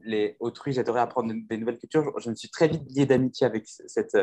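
A man's voice: medium pitch, fast talker, dark tone, a little hiss or hum. A man who teaches languages, talking earnestly in a casual conversation, with many restarts and fillers. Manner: earnest, reflective.

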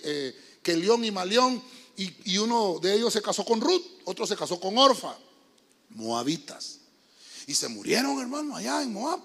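Pastor guy, high gravelly voice all over the place, long church echo. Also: bright, forceful tone. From Honduras. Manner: emphatic preacher, keeps addressing listeners as brother, quizzes the congregation. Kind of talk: youth sermon. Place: church sanctuary. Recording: long reverb of a church hall.

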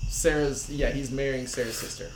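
A man's voice: mid-range voice, steady tone, moderate pace. A man co-hosting a casual fantasy football podcast, ribbing his friends in mock disappointment. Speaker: podcast co-host. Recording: echoey room with hiss.

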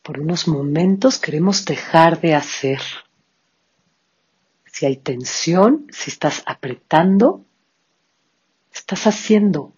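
A yoga instructor guides a breathing meditation at a very slow, unhurried pace. The voice is soft and breathy, with calm, counted breath cues. The recording sounds dull and lo-fi. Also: mid-range voice.

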